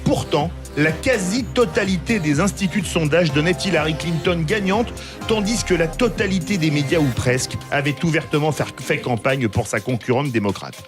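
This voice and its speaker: A man's voice: on the high side, moderate pace, over music. A man hosting a radio talk show, reading a polished introduction and moderating guests. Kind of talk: scripted introduction then moderating.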